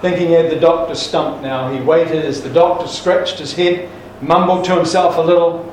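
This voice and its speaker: A man's voice: on the high side, fairly even intonation, moderate pace, darkish tone, a little hiss or hum. A man preacher delivering a sermon with jokes, folksy and emphatic, with restarts. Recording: echoey church hall from far off.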